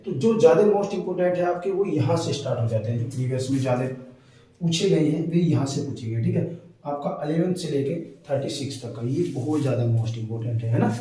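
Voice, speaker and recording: A man teaching a lesson for exam preparation. He checks in often with "okay?" and slowly draws out words as he spells them. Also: fairly high pitch, animated, dark tone. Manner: repeats checks like "ठीक है" and "है ना". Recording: very echoey room, far from mic, faint noise.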